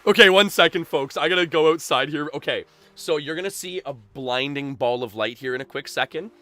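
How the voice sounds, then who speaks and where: A man's voice: fairly high pitch, fairly quick, sharp tone. A boisterous, chatty man from Canada hosting a casual livestream, talking with his viewers. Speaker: live game streamer and host. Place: small backyard shed used as a streaming room.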